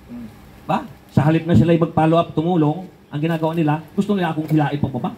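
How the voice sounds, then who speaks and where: A man's voice: fairly high pitch, fast, dark tone, poor audio. An older man preaching a sermon in a conversational way, asking rhetorical questions and chuckling between points.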